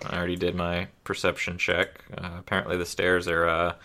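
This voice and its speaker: A man playing a tabletop game, chatting and joking with the table in an animated way. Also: low-pitched, a little fast, slight background noise. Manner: animated, joking, laughs often. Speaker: player. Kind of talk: casual tabletop game chat.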